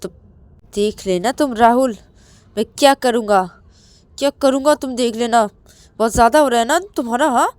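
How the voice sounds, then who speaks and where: A woman voicing a jealous young man who shouts and fires accusing questions at his boyfriend. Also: mid-range voice, fairly even intonation, normal speed, vocal fry, no echo, natural voice. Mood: furious, accusing.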